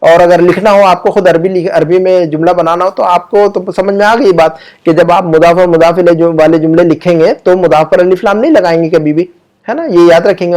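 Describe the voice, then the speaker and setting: Slightly high-voiced man teaching grammar. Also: darkish tone. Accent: Urdu-speaking. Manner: explains patiently, repeats example sentences slowly, asks students questions. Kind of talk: online grammar lesson.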